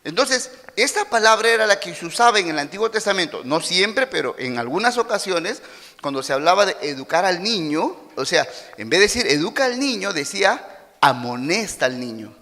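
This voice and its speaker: A Peruvian pastor preaching in an animated, bright voice that rides high and swoops widely. He acts out quoted voices as he teaches, and his words ring with a long church-hall reverb. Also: fairly quick. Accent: Peruvian Spanish. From Peru. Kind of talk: sermon.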